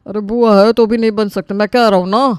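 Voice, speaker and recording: A woman's voice: medium pitch, steady tone, brisk, a little mellow, smooth, no room sound, studio quality, natural voice. A woman voicing a flustered middle-aged man hosting a wedding in a cartoon, harried and placating. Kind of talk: cartoon voice acting.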